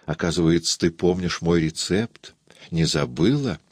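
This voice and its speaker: A man's voice: deep voice, measured pace, husky, dry recording, studio quality. A man voicing a kindly, fussy older aunt who chatters in a confiding way. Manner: warm confiding chatter, raised voice.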